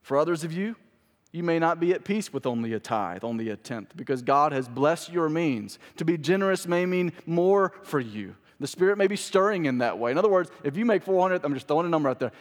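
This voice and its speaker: Pastor preaching in a reverberant church. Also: male voice, fairly high pitch. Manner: conversational preaching that swells into emphatic peaks. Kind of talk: sermon. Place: church sanctuary with congregation. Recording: long reverb of a church hall.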